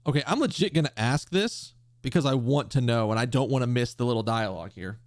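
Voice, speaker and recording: A man's voice: mid-range voice, fast, no echo, studio quality. A man giving casual game commentary, thinking aloud in a hesitant, questioning way. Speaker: gamer playing and reading aloud a visual novel.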